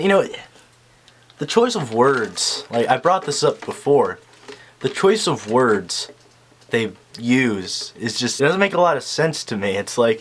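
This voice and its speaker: A man's voice: medium pitch, a bit bright, a little hiss or hum. A young man casually reacting to an infomercial, sarcastic and rambling with lots of fillers.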